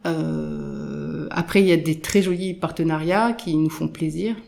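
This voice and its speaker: Gravelly-voiced woman, animated and halting. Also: low-pitched. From born in Morocco, raised in Nairobi and London. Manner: animated, many restarts and repeated words. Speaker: guest, photographer. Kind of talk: casual interview conversation.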